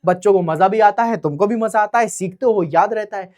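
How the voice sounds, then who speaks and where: A man's voice: sits high, a little fast, a little mellow. A young man teaching a live online exam-prep class, chatty and keeps checking in with his students.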